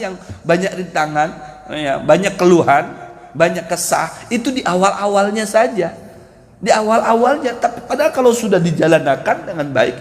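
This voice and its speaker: A man preaching at a dawn mosque gathering, who acts out prayers and laughs often as he speaks. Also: high voice. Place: mosque hall. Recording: long hall reverb.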